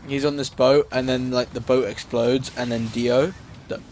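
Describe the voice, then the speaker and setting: A man's voice: medium pitch, little pitch movement, normal speed, darkish tone, a little hiss or hum. A man co-hosting a casual podcast, recapping a story in a rambling way with lots of fillers and restarts. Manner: rambling, full of fillers and restarts, slips into silly quoted voices. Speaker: podcast co-host.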